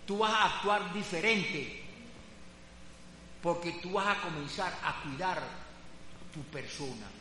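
A man's voice: high voice, slow pace, pauses often, pushed and bright. A man giving a rambling, emphatic testimony in a religious class, repeating his phrases as he goes. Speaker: class participant. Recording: roomy hall with faint hum.

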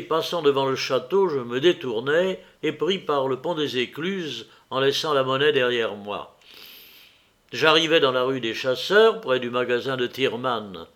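A man reading a classic fantastic tale aloud in a measured, expressive way. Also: mid-range voice. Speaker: audiobook reader. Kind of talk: literary audiobook narration.

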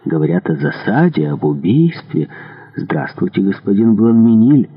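Sly suave churchman, read by a man, low husky voice, smooth and knowing. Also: very animated, moderate pace, heavily acted. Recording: tinny narrow-band audio.

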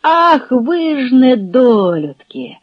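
A small, fiery Cossack, as the reader plays him shouts high and indignant, his pitch leaping about. It comes through an old radio recording that is dull and dry. His voice sounds a little husky. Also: big pitch swings, unhurried, no echo, exaggerated voice. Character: small scrawny young Cossack man, fiery and shrill.

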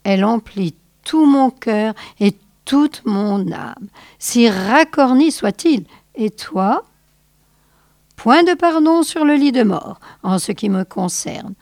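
A bitter old husband makes solemn, grand farewells full of old hatred, voiced by a woman reader. He speaks slowly in a close, dry sound. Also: a little high, animated, a little mellow, no room sound.

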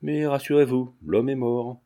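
A man's voice: mid-range voice, fairly even intonation, unhurried, mellow, close to an everyday voice. A man voicing an anxious, earnest young man in love who talks urgently.

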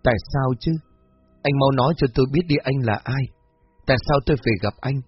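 A man raises his pitch to voice a scared, desperate young woman in a storybook reading, her pleas rising high and tearful. The voice is husky and a little breathy. The recording is dull and lo-fi, with faint music underneath. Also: brisk, no echo. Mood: pleading. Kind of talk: storybook narration.

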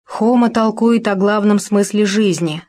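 A woman's voice: medium pitch, unhurried, dark tone, lightly acted. A woman reading a storybook, voicing a stingy, bossy male hare who blurts out answers.

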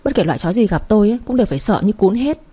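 A woman's voice: medium pitch, animated, rapid-fire, dark tone, husky. A woman voicing a cocky, joking young man in a storybook reading. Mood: brash. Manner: boastful, teasing.

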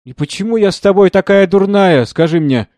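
A man's voice: expressive, a little fast, a little mellow, no echo, clean studio sound. A man voicing a bitter, broken young woman who cries out in anguish. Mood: pleading. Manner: shrill, crying out.

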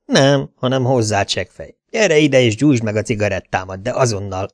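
A man's voice: medium pitch, lively intonation, dry recording, studio quality, natural voice. A man voicing a sadistic gangster thug, Dante. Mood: menacing. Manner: menacing, commanding. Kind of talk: audiobook character voice.

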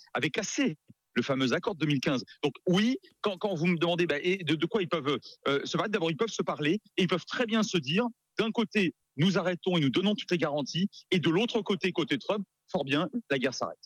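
A man speaking as a geopolitics expert gives live radio analysis with emphasis, yet he stumbles, echoing his own words as he reaches for what comes next. He has a fairly high, expressive, slightly rough voice, recorded without echo.

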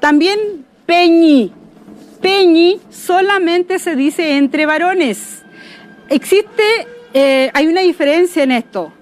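A woman's voice: very high-pitched, takes it slowly. A woman giving a spoken language lesson, patiently repeating each word and checking that listeners follow. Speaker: Mapuche language teacher.

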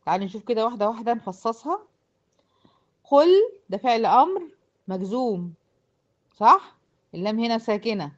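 Egyptian woman teaching a class, high voice, brisk delivery, keeps checking her students follow, dull lo-fi sound. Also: animated. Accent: Egyptian Arabic. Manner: explains step by step and checks often that students follow. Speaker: Quran recitation teacher. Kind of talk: explanatory lesson to a class of girls.

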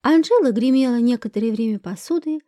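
Brief: female audiobook narrator, high but mellow voice, dry close recording, steady first-person read. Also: a little fast, no echo.

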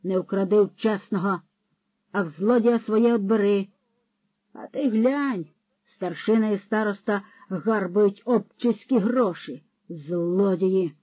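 A narrator voicing a pompous male horse thief who lectures loudly and scatters Latin words, on a dull, dry recording. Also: medium pitch, slow pace, dry recording. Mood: scolding. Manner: lecturing, scolding, loud.

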